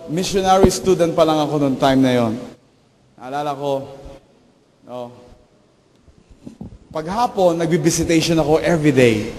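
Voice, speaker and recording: A middle-aged male pastor giving a sermon, telling animated stories and acting out the voices of the people in them. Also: on the high side, a little hiss or hum. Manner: animated, acts out quoted voices. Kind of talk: Taglish sermon storytelling. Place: church sanctuary. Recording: reverberant church hall.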